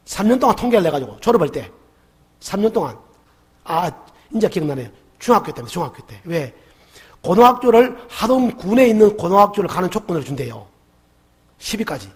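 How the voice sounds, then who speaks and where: A middle-aged man with a Gyeongsang accent, preaching a Sunday sermon in church and telling a story with lively questions to the congregation. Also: sits high, a little fast, pauses often, breathy edge. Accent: Gyeongsang dialect. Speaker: pastor. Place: church sanctuary.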